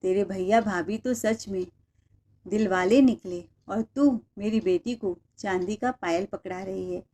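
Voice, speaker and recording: A woman's voice: medium pitch, measured pace, dark tone, natural voice. Brief: scolding, taunting mother-in-law in a storybook tale, read by a female narrator. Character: taunting older mother-in-law, sharp-tongued.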